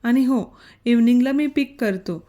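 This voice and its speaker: A man's voice: very high-pitched, normal speed, warm tone. A woman voicing a stern, protective young husband who speaks in curt commands.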